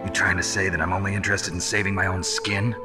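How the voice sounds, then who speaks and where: A man plays a defiant soldier hero from a video game. The voice is low and gruff, stoic and determined, with clear music behind. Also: little pitch movement, fast, lightly acted. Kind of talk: dramatic video game acting.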